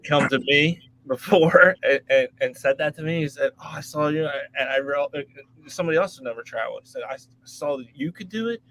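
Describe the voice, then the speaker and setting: A man's voice: fairly high pitch, fairly quick, fairly bright tone, rough recording. Laughing, profane travel vlogger man. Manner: loose and profane, laughs often. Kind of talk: casual chat.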